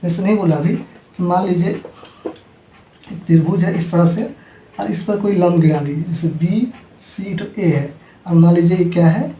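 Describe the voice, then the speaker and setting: A man's voice: high-pitched, moderate pace, long pauses, dark tone, slight background noise. A man teaching a math lesson, repeating each term and asking the class to say it back. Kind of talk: classroom lesson with call-and-response drilling. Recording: echoey room.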